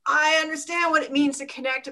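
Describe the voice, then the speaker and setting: An expressive woman with a Philadelphia accent talks in a lively, laughing interview chat. Her voice is bright and sits a little high. She is a dance teacher and author, animated throughout. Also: brisk, low-quality recording.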